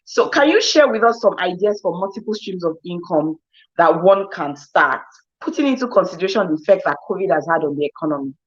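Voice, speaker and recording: Low-voiced woman host, dull sound. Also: animated, brisk. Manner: summarizes and prompts the guest with questions. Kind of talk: casual interview chat.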